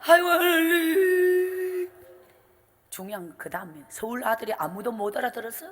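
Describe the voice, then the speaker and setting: A middle-aged woman evangelist with a Gyeongsang accent gives a revival sermon testimony, telling her story in a lively, animated way and acting out the dialogue. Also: mid-range voice, fast talker, background noise. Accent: Gyeongsang Korean. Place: church sanctuary. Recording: church hall with long reverb.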